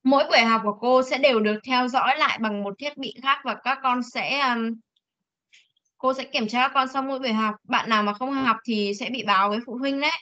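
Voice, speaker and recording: A woman teaching an online English class, drawing out model words slowly for pupils to repeat. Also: a little high, steady tone, sharp tone. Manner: slow drawn-out model words for repetition, coaxing. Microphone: video call. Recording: lo-fi video call audio.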